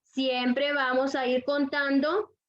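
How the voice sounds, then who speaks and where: A woman's voice: high-pitched, level tone. A woman teaching a grammar lesson to young students, repeating each rule and checking that the class follows. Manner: slow, deliberate, repeats rules, checks understanding with questions. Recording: dull lo-fi audio.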